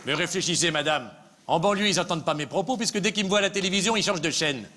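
A man's voice: high voice, racing, noisy background. A male comedian in a live stage sketch, playing a smug, patronizing politician who repeats himself. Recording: live theatre with audience laughter.

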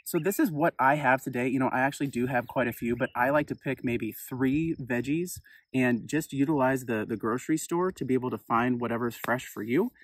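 A man's voice: mid-range voice, fairly quick, rough recording. Upbeat man cooking outdoors. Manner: upbeat, chatty, easygoing. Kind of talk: casual cooking demonstration. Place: outdoors on a rock in open grassland.

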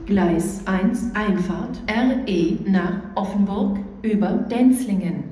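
A woman reading flat, scripted railway platform announcements in measured, separate phrases as a station announcer. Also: medium pitch, over music, poor audio.

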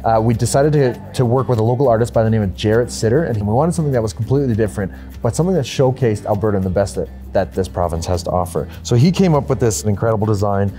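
Fast-talking upbeat man, mellow voice. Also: fairly low pitch, animated, faint music behind. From Canada. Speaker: clothing company co-owner. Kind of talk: promotional interview. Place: indoor brewery taproom.

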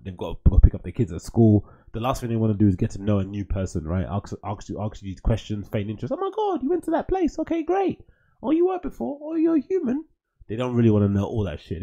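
Young British man, podcast host, rapid rambling monologue, low and dark timbre, home studio mic. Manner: rambling, laughing asides, rhetorical "right?". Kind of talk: casual monologue. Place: small room at home with bookshelf. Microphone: studio mic on boom arm.

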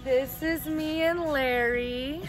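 A woman's voice: high voice, fairly even intonation, slow pace, faint music behind. A woman in her thirties chatting to viewers on a casual travel vlog, filmed on a phone held at arm's length in a car and then in a store. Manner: chatty, addressing viewers as you guys. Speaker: vlogger. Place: in a car, then inside a farm supply store.

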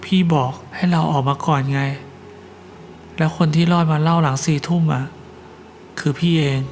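A man voicing a calm, protective older male driver who speaks bluntly and matter-of-factly in a ghost story. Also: fairly high pitch, slight background noise, lightly acted.

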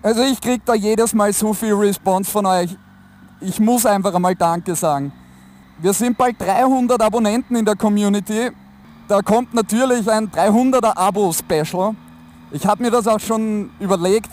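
A man's voice: high voice, normal speed, a little mellow. An Austrian man chatting casually and in slang to viewers from inside a motorcycle helmet while riding. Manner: colloquial, slangy. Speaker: motorcycle vlogger. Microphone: helmet-mounted mic. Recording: enclosed helmet sound, road noise. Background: motorcycle and traffic noise.

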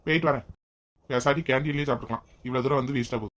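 A woman's voice: extremely low pitch, fairly even intonation, very fast, pitched below the performer's own voice. A woman voicing a grumbling, impatient young husband in a comedy family skit. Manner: complaining, whiny pleading.

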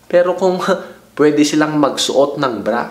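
A man's voice: a little high, takes it slowly, a little mellow. A young man vlogging casually, giving playful, slangy advice and teasing his viewer. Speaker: vlogger giving dating tips. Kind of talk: casual joking talk to camera. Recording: echoey room.

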